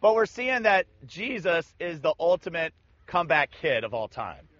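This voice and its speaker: A man's voice: on the high side, normal speed, slight background noise. A man casually retelling a Bible passage, acting out the people in it with slangy voices. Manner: animated, acts out scripture in slangy voices. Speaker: Bible teacher. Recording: dull lo-fi sound.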